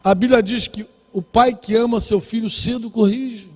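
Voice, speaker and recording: A man's voice: very high-pitched, fairly even intonation, moderate pace, darkish tone. A male pastor preaching a sermon, exhorting and repeating phrases, acting out little dialogues with the congregation. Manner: exhorting, repetitive, acts out dialogues. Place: church. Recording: reverberant church hall.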